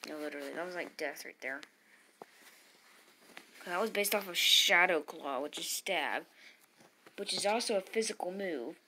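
Lady narrating her game battle, gets loud and yells at the screen, kinda low voice. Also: normal speed, pauses often, slight background noise. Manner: excitable, yelling at the game. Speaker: gamer playing online battles. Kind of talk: live gameplay commentary.

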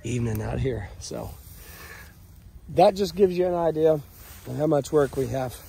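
A ranch vlogger, his voice high-ish, expressive, scratchy from a cold and touched with vocal fry, casually explains fence repairs outdoors on his rural property at a moderate pace. Easygoing, he goes step by step, recorded on a camera-mounted action cam.

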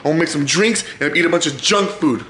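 In his small apartment, a twenty-something vlogger keeps things loose and jokey, teasing as he talks to a handheld camera at arm's length. His fast, high-leaning voice is bright and forceful, with a bit of hiss or hum on the recording.

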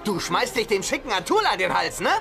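A man's voice: sits high, sing-song, fast talker, vocal fry, pushed and bright, soft background music, full character voice. A man dubbing a hot-headed young man in a film, bickering and sarcastic. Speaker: dub actor. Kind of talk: German film dub.

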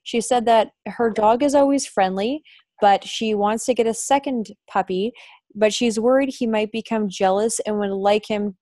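A woman interviewer reading out viewer questions in a brisk, matter-of-fact way. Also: mid-range voice, dark tone, no room sound.

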